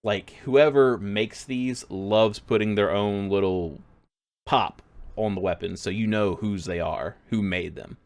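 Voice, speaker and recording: A man's voice: lowish voice, a little slow. A man narrating a tabletop game as game master, rambling with lots of fillers. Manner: rambling, filler-heavy, laughs a lot.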